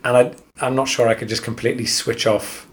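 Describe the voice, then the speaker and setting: A man's voice: medium pitch, level tone, fairly quick. An Australian man co-hosting a podcast, chatting casually and rambling, often repeating words as he thinks. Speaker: podcast co-host. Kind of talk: casual chat.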